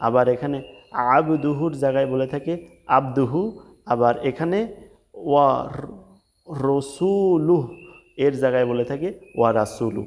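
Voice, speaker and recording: Man teaching prayer recitation, slow chanting. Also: mid-range voice, darkish tone. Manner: slow drawn-out chanting of the Arabic words, then brisk explaining; spells out letters and vowel marks. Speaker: religious teacher. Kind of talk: step-by-step recitation lesson.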